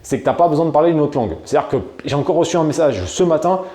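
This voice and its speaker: A man from France gives casual e-commerce advice to camera, chatty and full of slang. His voice is mellow and dark. The room around him leaves a noticeable echo. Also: fairly high pitch, lively intonation, very fast. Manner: chatty and slangy, addresses the viewer familiarly. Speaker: e-commerce video host. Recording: roomy echo.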